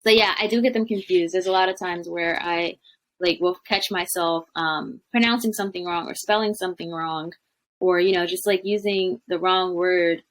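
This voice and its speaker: A young woman who works as a language coach chats casually in an interview over a video call from a room at home. Her voice is fairly low and fairly even at a normal speed, and she's chatty, laughs often, and uses lots of fillers.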